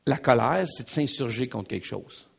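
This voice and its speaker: Repeating phrases and addressing his congregation directly, a pastor with a Québécois French accent preaches with emphasis and animation. He speaks at a moderate pace in a medium-pitched voice that is creaky and husky.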